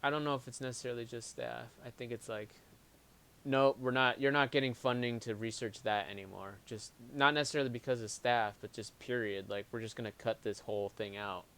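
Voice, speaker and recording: A man's voice: medium pitch, fairly even intonation, fairly quick, a bit bright, smooth. A man co-hosting a casual live-stream chat, reading viewer comments aloud and talking in restarts. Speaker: co-host.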